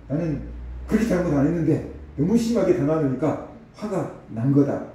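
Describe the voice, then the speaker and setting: A man's voice: medium pitch, dark tone. A man preaching a sermon as a pastor, talking conversationally and asking the congregation rhetorical questions. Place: church sanctuary. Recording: distant echoey hall recording.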